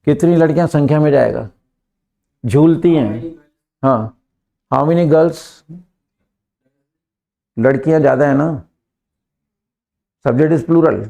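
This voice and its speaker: A man with an Indian accent teaching a live English class, drilling students and pushing them to answer quickly. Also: a little high, creaky, mellow, lo-fi sound.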